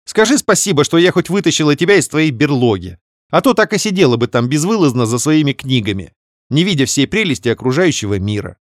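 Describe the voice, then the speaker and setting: Bubbly scheming young woman, a man voicing her high and lively, sweet-talking. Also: no room sound, clean studio sound. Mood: breezy teasing. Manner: fast wheedling chatter.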